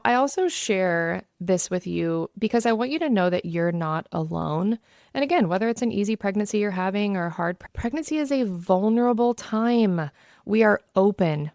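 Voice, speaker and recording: A woman's voice: on the low side, a little mellow, no echo, studio quality. A woman in her thirties hosting a solo podcast, speaking to listeners in an earnest, encouraging way. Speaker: podcast host, pregnancy coach.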